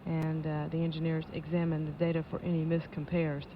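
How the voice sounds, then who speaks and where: A woman giving live launch control commentary as an official announcer, in a measured, matter-of-fact way. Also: low voice, monotone. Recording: dull lo-fi broadcast audio with noise.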